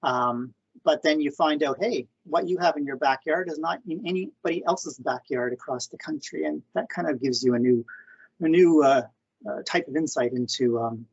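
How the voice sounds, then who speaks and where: A man presents over a muffled, lo-fi video call, his voice gravelly and husky. He talks in a hesitant way, full of ums and restarts. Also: on the high side, moderate pace. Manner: hesitant, many fillers and restarts. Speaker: government conservation presenter. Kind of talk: online information session presentation. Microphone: computer mic on video call.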